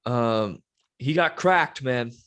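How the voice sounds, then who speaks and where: A man co-hosting a fight podcast in casual chat, reacting with excited emphasis. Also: medium pitch, takes it slowly. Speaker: podcast co-host.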